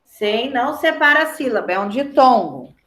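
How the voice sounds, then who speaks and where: A Brazilian Portuguese-speaking woman teaching a class, slowly spelling out and repeating words for her students in a patient manner. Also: high voice, lively intonation, a bit bright, echoey room.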